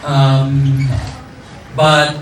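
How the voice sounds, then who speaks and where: A man's voice: medium pitch, monotone, very slow. A man from the Philippines, speaking earnestly at a press conference and leaning on "actually" and "you know". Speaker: pageant franchise holder. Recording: echoey hall, distant mic, crowd noise.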